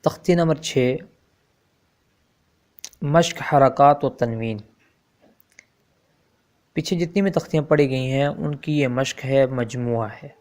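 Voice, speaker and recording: A man's voice: mid-range voice, takes it slowly, pauses often, darkish tone. A man teaching Quran reading, sounding out each letter and vowel mark before joining them into words. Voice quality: clear, crisp voice. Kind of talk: slow syllable-by-syllable recitation lesson.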